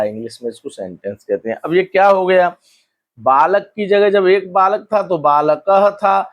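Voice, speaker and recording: Man teaching slowly, drawing out words. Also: on the high side. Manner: asks questions then answers them, drawing out words slowly. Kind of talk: classroom lesson explanation.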